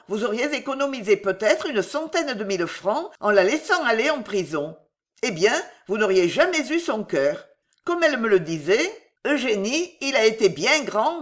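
Une femme qui joue une jeune femme de chambre rusée, volubile et enjôleuse, qui plaide avec aplomb. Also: female voice, on the high side. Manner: voluble, wheedling, theatrical. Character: young cunning female chambermaid, glib and persuasive.

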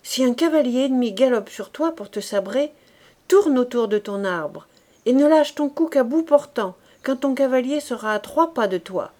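A woman barking as a gruff army corporal. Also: sits high, expressive, moderate pace, warm tone, pitched above the performer's own voice. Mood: commanding. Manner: barking orders, raised voice. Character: gruff blunt male corporal, brisk and commanding.

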